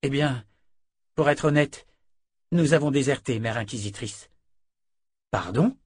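A man's voice: mid-range voice, slightly rough, dry recording, studio quality, voice pushed up, lightly acted. A man voicing a loyal young male officer, earnest and respectful as he explains himself.

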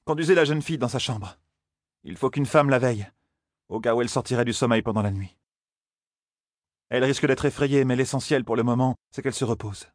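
A man reading an audiobook, voicing a calm, cold and commanding sorceress in a soft, even tone. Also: a little fast, long pauses, dry recording, clean studio sound, lightly acted. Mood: composed. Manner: composed, cool, low-key.

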